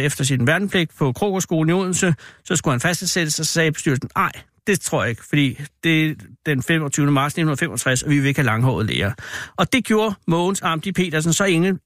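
A man's voice: on the high side, fairly bright tone, no room sound, clean studio sound. A man in his fifties delivering a sardonic, rambling satirical radio monologue with mild swearing. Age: 50s. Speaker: radio host.

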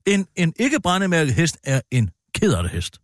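Guy doing a bossy horse-obsessed lady, high and all over the place, dry close sound. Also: wildly swooping pitch, no room sound. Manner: bossy, lecturing, swooping pitch. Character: pompous know-it-all horsey middle-aged woman. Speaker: co-host. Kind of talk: improvised comedy podcast banter.

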